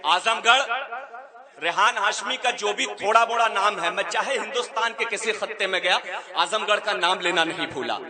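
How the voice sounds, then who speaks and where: A man, a poet reciting verse at a live mushaira, declaiming and building to shouts. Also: sits high. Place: outdoor stage before a crowd. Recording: crowd noise at a live event. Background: cheering crowd.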